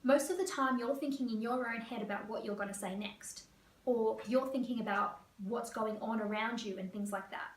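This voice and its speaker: A woman career coach from Australia, explaining interview tips to camera in a fast, lively way. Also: a little high. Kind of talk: teaching to camera. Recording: echoey room, voice a bit far.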